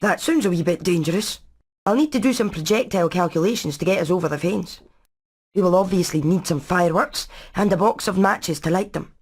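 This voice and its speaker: Voicing a clever, practical hen engineer for a video game, a woman speaks briskly in a lowish, breathy register. Her Scottish-accented lines are technical and matter-of-fact, with a thoughtful mood, in the style of animated game acting.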